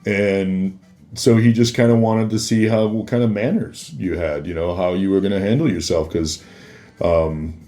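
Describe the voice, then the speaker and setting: A former celebrity security worker, appearing as a podcast guest, casually tells anecdotes and acts out the exchanges he remembers. He speaks at a normal pace in a low, warm voice with fairly even intonation.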